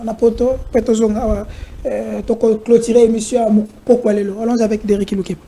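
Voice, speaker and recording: High, flat-voiced male talk host. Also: fairly quick, gravelly, husky, rough recording. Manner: brief interjections, winds up the guest.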